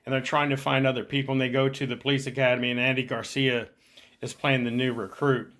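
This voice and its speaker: Animated man retelling movie scenes. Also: medium pitch, quick pace. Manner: animated retelling, many restarts. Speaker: podcast host. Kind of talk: casual movie chat.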